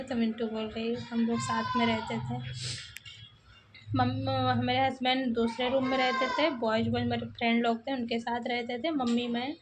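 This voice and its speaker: A young woman from eastern Uttar Pradesh tells her own life story in a casual, halting, emotional way, with many restarts and repeats. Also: fairly high pitch, noisy background.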